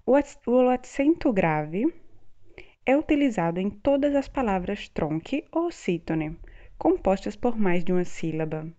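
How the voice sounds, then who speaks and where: Female teacher, patient explainer, dark mellow tone, muffled lo-fi recording. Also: mid-range voice, very animated. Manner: explains slowly, spells out example words. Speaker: Italian teacher. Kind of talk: online language lesson.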